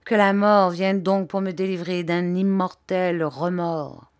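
A man's voice: high-pitched, fairly even intonation, slow, clean tone. A woman reading the lines of a remorseful, resolute male scientist in a solemn manner. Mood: despairing.

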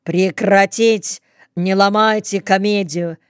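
Grim exhausted male captain, read by a woman; curt clipped orders, slow low delivery. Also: level tone, clean tone, no echo, studio quality. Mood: barking. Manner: curt orders, quiet then barking.

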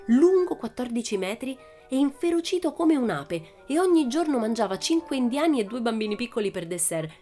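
A woman voicing a cheeky, boastful young girl with a brash, excitable manner, in a storybook reading. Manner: brash, excitable, high and lively.

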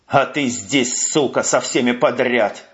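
A man voicing a furious young male sergeant who shouts and swears, on a muffled recording. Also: mid-range voice, unhurried, lightly acted. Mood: enraged. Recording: muffled lo-fi audio.

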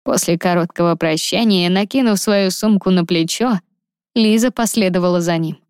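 A woman narrating a fantasy story in an even, steady reading voice, recorded dry and close. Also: lowish voice, normal speed, smooth, no echo. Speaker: audiobook narrator. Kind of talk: scripted narration.

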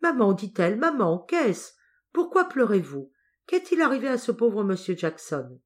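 Storybook: woman voicing excitable young noble girl, questioning, mid pitch. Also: moderate pace, natural voice. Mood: puzzled. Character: wide-eyed, impulsive young noble girl.

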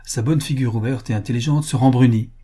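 A man narrating a classic novel as an audiobook in a measured, even reading voice. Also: medium pitch, slightly rough. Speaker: audiobook reader.

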